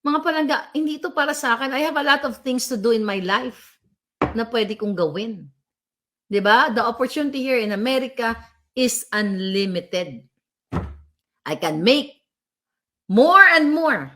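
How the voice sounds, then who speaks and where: Broadcasting from home abroad, this middle-aged political vlogger reads out viewer comments during a live-stream chat, switching between Tagalog and English in fiery bursts. Her slightly high voice is expressive, bright and forceful, unhurried, with frequent pauses.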